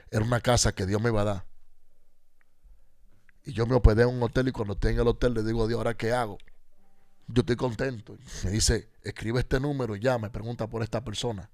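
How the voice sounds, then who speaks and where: Male pastor, radio testimony, gravelly, animated, acts out each line of dialogue. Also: medium pitch, no echo, clean studio sound. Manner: animated storyteller acting out dialogue. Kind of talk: personal testimony on a radio show.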